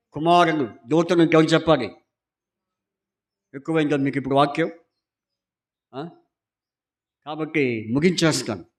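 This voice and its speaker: A male pastor delivers a Sunday sermon, his voice sitting a little higher than most men's. He reads scripture slowly and with weight, then turns to the congregation with question after question, insisting they answer aloud.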